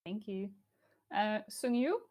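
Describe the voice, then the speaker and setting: A woman's voice: medium pitch, animated, takes it slowly, darkish tone. A woman chairing an online event in a semi-formal way, speaking over a video call. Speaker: chair and host.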